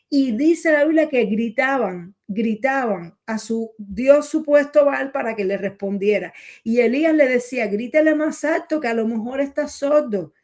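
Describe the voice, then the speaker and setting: A woman's voice: on the high side, a little mellow. A woman teaching the Bible in a sermon, earnest and repeating her points, often calling the listener brother.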